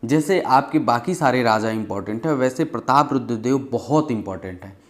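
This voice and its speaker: A man's voice: mid-range voice, lively intonation, a little fast. A man giving a conversational exam-prep history lesson, telling it as stories and often checking in with "ठीक है". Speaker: history teacher.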